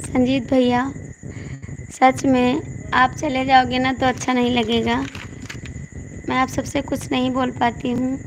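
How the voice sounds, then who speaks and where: A hoarse woman, chatting on a live stream and coaxing viewers again and again. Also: high voice, background noise. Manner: pleading, coaxing, repeats requests. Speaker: folk singer hosting a live stream. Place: indoors at night with the power out.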